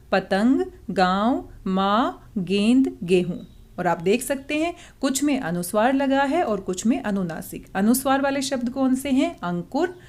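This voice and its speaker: A woman explains a Hindi worksheet to young pupils in a slightly high voice. She reads each word and passage slowly and carefully, then asks a question and answers it herself in a kind, patient way. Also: darkish tone. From India. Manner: slow, careful reading aloud of words and passages; addresses pupils kindly, asking and answering own questions. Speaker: Hindi teacher. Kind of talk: worksheet explanation lesson for children.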